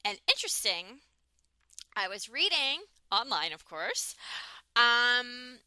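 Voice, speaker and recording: A young woman co-hosting a casual podcast chat, animated and getting fired up as she acts out quotes. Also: fairly high pitch, slow pace, clear, resonant tone, no echo. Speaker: podcast co-host. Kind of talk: casual chat recapping a reality show.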